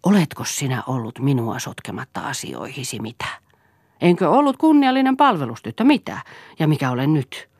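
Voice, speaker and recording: Nainen lukee äänikirjaa ja esittää kiivasta, suorapuheista nuorta naista, entistä palvelustyttöä, joka tiuskii ja tinkii terävästi. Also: female voice, extremely low pitch, few pauses, breathy edge, dry recording, clean studio sound, full character voice. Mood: scolding. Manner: sharp, scolding and haggling. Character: fiery, blunt young woman, a former housemaid. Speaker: audiobook reader. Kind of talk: novel reading.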